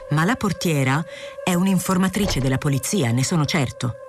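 A woman voicing an aging male journalist who is mild, polite and quietly insistent, in a literary audiobook. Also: deep voice, expressive, normal speed, over music.

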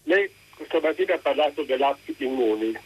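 Radio phone-in caller: man from northern Italy, slightly husky, polite and earnest, sound of a phone line. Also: mid-range voice, lively intonation, a little fast. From Trentino, northern Italy. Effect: caller heard over a phone line. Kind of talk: polite phone-in question to the host.

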